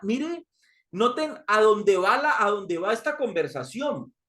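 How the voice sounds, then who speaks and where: High-voiced man preaching a sermon. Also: big pitch swings, a little slow, bright, forceful tone. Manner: reads scripture aloud and repeats key lines for emphasis; addresses listeners as brothers.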